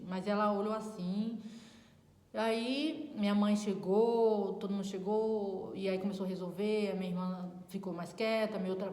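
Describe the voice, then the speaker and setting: A woman's voice: mid-range voice, a little mellow. A woman giving a personal faith testimony, talking conversationally and often addressing her listeners directly. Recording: roomy, with long reverb.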